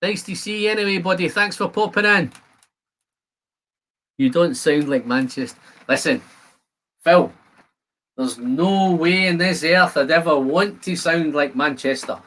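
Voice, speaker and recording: Hosting a live stream, this chatty man from Scotland, in his fifties, speaks unhurriedly with long pauses. His voice sits on the high side and is a bit bright, and he addresses viewers by name.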